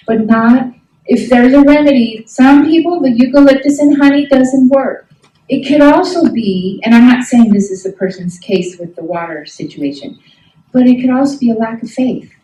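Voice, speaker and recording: A middle-aged woman, a health ministry instructor, teaches a class in an emphatic, folksy style, repeatedly asking her listeners questions. Her medium-pitched voice is soft and mellow, and she sounds slightly off-mic in a very echoey room.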